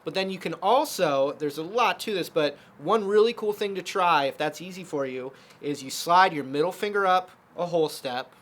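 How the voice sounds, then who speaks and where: A man's voice: high voice, moderate pace, few pauses, a bit bright. A man teaching a casual guitar lesson, explaining chords step by step with lots of fillers.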